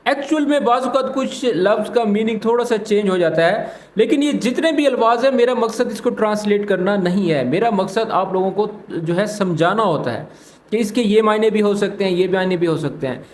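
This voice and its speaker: High-voiced man teaching Arabic phrases. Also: roomy sound, a little hiss or hum. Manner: patient, explanatory, repeats phrases slowly. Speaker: Arabic teacher, channel host. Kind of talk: language lesson explanation.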